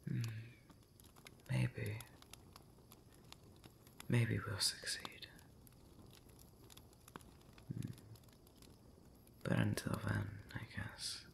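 Late at night, an audio roleplay channel creator rambles intimately in ASMR style, his voice breathy and often dropping to a whisper. He sounds hesitant and pensive, leaving long pauses and soft hums. His voice sits on the low side but swings hugely in pitch.

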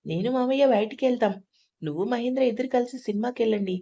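A kindly middle-aged mother-in-law from a storybook, soft and affectionate even when she scolds, as a woman reading the tale puts her on. Her voice is high yet mellow and warm. She sounds fond and caring. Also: fast talker.

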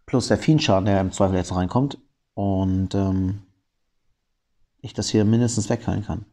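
A gameplay commentator with a cold talks through a mobile puzzle battle in a slightly low, gravelly voice, dark and mellow in tone. He explains each move analytically, pausing with fillers while he thinks. The sound suggests a home desktop microphone.

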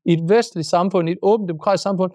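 A man from Jutland co-hosting a podcast in casual chat, wry and animated with jokey asides. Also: high voice, dry recording. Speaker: podcast co-host.

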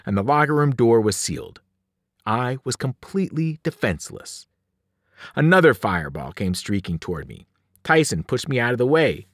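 A man, a teacher, reading a novel aloud in an animated storytelling voice, rising and falling with the action. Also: dry recording, studio quality. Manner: animated storytelling, shifting pitch and loudness with the action. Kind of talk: expressive read-aloud narration.

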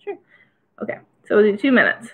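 A woman's voice: medium pitch, wildly swooping pitch, fairly quick, phone-quality sound. A young woman with a Michigan accent, casually hosting a trivia quiz and chatting between questions. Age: young adult. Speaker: trivia host. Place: small indoor room by a window.

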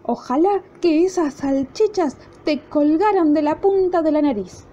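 Woman playing a shrill, scolding wife. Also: measured pace, mellow, lightly acted. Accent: Argentine Spanish. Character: sharp-tongued, bossy wife. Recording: dull lo-fi recording, faint noise.

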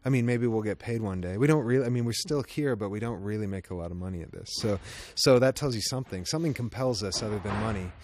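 A man's voice: lowish voice, fast talker, hardly any pauses, a little mellow, slight background noise. A man in a band answering interview questions backstage, thoughtful and restarting his sentences often. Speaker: band member.

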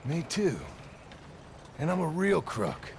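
A gruff outlaw from a video game, menacing in a dry, sarcastic way. His voice sits fairly high with a rough, gravelly edge and lively swings. Game music runs behind him. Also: slow, full character voice. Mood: wry menace.

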